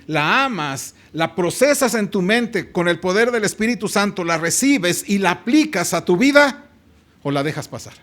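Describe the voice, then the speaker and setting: Here a male pastor with a Mexican Spanish accent delivers a church sermon in a high, fairly bright voice. He lingers on key phrases and urges the congregation to follow along in the reading.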